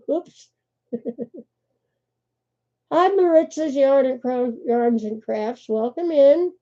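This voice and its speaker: A woman's voice: sits high, extremely slow, pauses often, mellow. An older woman, hosting a casual crochet livestream, chatty and laughing often as she greets viewers by name. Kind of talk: casual live chat. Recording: muffled lo-fi livestream audio.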